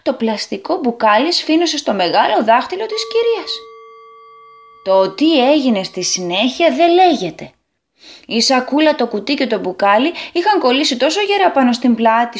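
Female storyteller for kids' radio, animated and expressive, lively pitch. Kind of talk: children's story reading.

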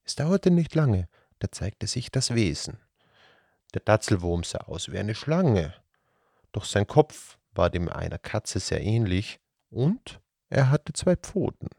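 Male storyteller for kids: low, husky, unhurried fairy-tale reading. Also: no room sound, studio quality. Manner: slow, calm, gravelly storytelling. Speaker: storyteller host. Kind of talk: fairy tale read aloud for children.

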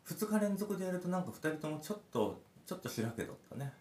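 A man's voice: sits high, sing-song, quick pace, darkish tone. A man who is a parent, telling a rambling story with many fillers in casual podcast chat. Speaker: podcast host. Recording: roomy echo.

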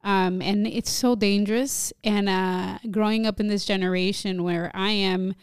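A woman from New Jersey talks in a casual podcast discussion, earnest and quick to agree. Her voice is smooth and resonant. The sound is close and dry, with no room around it. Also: mid-range voice, fairly even intonation, dry recording. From New Jersey, United States. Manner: earnest, agreeing, many short affirmations.

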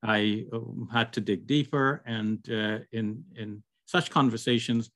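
Older man from Guyana, halting guest on a video call, dry sound. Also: medium pitch, fairly even intonation, a bit bright, no echo. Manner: hesitant, many fillers and restarts. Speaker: guest, Islamic scholar. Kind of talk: casual interview over video call.

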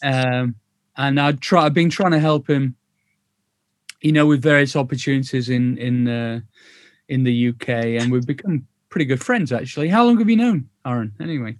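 Over a video call, a Northern English man in his sixties hosts a chatty, rambling interview and laughs easily. His voice is medium in pitch, with no echo.

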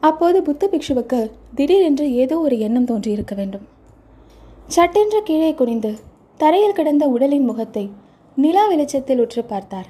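A woman's voice: high voice, expressive, normal speed, dark tone. A woman narrating a historical novel as an audiobook, dramatic and storytelling, with rhetorical questions.

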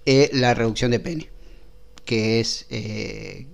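Brief: a man as a fumbling Argentine doctor, comic sketch, stalls on fillers, mid-pitched male voice. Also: vocal fry. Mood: explaining. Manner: halting, full of filler sounds and restarts. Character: hesitant male doctor explaining odd treatments.

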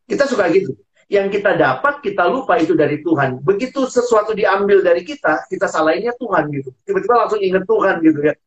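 A man's voice: sits high, animated, fast talker. Earnest man on lo-fi audio. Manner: earnest, acts out quoted dialogue. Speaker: guest speaker.

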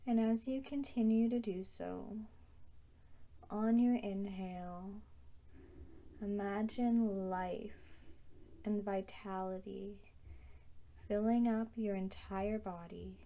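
A woman leads a guided meditation, speaking very slowly and softly. Her voice is warm and mellow, and she leaves long, calm pauses between phrases. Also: mid-range voice. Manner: slow, soft and soothing, with long pauses.

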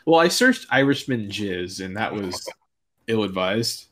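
A man's voice: fairly low pitch, expressive, measured pace, fairly bright tone, slight background noise. A man on a podcast, chatting casually and reading out facts in a dry way. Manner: dry, reads facts out, laughs often. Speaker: podcast co-host. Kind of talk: casual chat.

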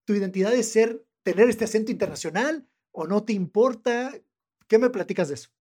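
An interviewer asking quick, probing questions in a casual chat. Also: medium pitch, darkish tone.

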